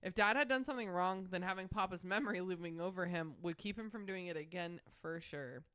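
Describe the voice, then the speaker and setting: A woman with a slightly low voice reads her old writing aloud on a podcast and keeps breaking off for wry, laughing asides. The sound is dry and close to the mic. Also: brisk, fairly bright tone, smooth, dry recording. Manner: joking asides, laughs often. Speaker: podcast co-host.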